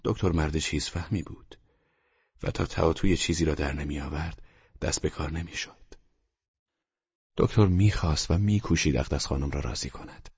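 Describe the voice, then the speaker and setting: A man reading a story aloud in a steady, measured way, with a very deep and heavily husky voice. The recording is dull and lo-fi. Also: no echo. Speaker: narrator. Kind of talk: audiobook story narration.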